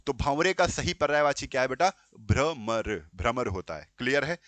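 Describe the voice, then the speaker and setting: In a classroom exam-prep lecture, a male teacher with a mid-range, slightly bright voice speaks animatedly at normal speed. He poses questions to the students and answers them himself, repeats key terms, and calls them bachche and beta. The recording is dry.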